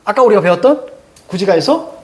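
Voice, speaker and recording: A male literature teacher lectures his students in an animated, joking manner, punctuated by sudden loud outbursts. His voice sits high, and he speaks fairly quickly.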